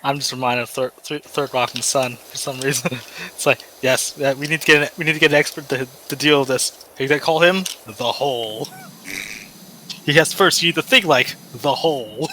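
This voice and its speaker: A man's voice: mid-range voice, brisk, bright, forceful tone, a little hiss or hum. A man chatting on a friend's game stream, joking and chuckling, often stammering as he restarts his sentences. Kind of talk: casual chat with friends while gaming.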